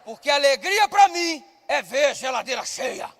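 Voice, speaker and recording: A male pastor preaching a sermon with comic stories, loud and at times shouting, acting out the voices of people in his stories. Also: very high voice, lively intonation, normal speed, gravelly, long reverb tail.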